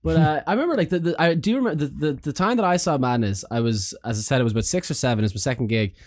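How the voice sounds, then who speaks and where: A man hosting a casual chat, quick and laughing often. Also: on the high side, expressive, no room sound, studio quality.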